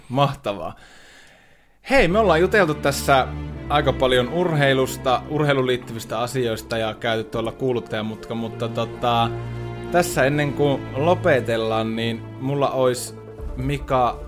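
A man hosting a casual chat, playful and quick to laugh. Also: medium pitch, music in the background. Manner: laughs often, lively and playful. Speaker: podcast host.

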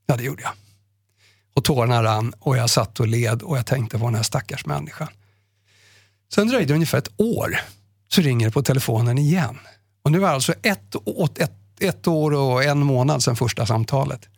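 A male radio host with a gravelly, husky voice tells stories from his years on air in an emotional, heartfelt way. The sound is dry and close. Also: medium pitch, a little mellow, no echo. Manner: emotional, acts out quoted callers in his retelling. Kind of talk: conversational storytelling.

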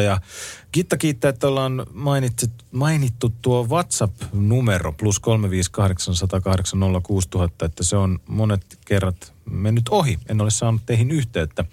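A male night radio co-host with a fairly low voice on a close studio mic. He reads listener messages and song requests in an easygoing, conversational way. The sound is dry. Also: a little mellow, no echo. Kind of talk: casual late-night radio chat. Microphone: close studio microphone.

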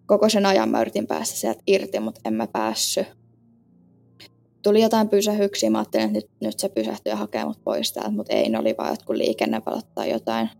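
A woman earnestly retelling a personal experience in casual speech, halting with fillers and often sinking low and soft at the ends of phrases. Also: gravelly. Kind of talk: personal story told in casual spoken Finnish.

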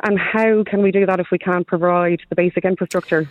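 A woman's voice: fairly low pitch, fairly even intonation, fairly quick, no echo. An earnest woman explains things as a campaigner in a radio phone interview. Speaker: public transport campaigner, phone-in guest. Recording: tinny, dry phone line.

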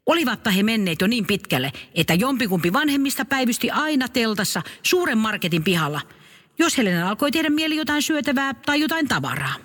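A man's voice: very high-pitched, breathy edge, long reverb tail. A man narrating a comic children's story, playful and speaking to the listener. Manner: playful, lively, addresses the listener.

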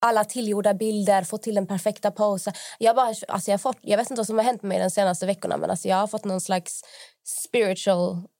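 A woman's voice: mid-range voice, steady tone, warm tone, dry recording. A young woman co-hosting a podcast, telling rambling stories in casual chat, full of fillers and acted-out quotes. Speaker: podcast co-host.

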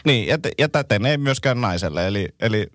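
A man's voice: fairly low pitch, lively intonation, a bit bright, no echo. A man on a casual podcast making dry, teasing remarks.

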